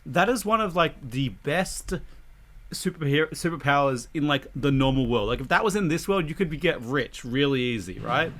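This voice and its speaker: A man's voice: on the high side, animated, normal speed, fairly bright tone. A man co-hosting a casual podcast, joking around, laughing often and swearing casually. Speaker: podcast co-host. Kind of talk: casual chat.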